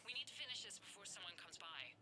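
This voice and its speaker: A woman playing a focused, urgent infiltration operative in a video game, brisk and hushed in manner. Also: mid-range voice, sing-song, full character voice. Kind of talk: video game character dialogue. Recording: loud music under the voice.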